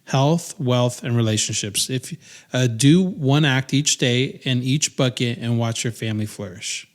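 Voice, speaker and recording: A man in his thirties talks in a loose, casual podcast chat, with a voice of ordinary middle pitch. He rambles and restarts his sentences often, filling the gaps with "um" and "like". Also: unhurried. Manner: rambling, many restarts and fillers. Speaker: podcast co-host.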